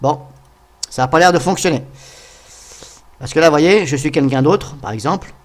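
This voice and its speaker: A man with a slightly high voice talks viewers through a piece of software in a relaxed, unscripted way. He thinks aloud, stops to puzzle over things and fills his pauses with hesitant "euh"s. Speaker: tutorial host. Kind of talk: casual software tutorial narration.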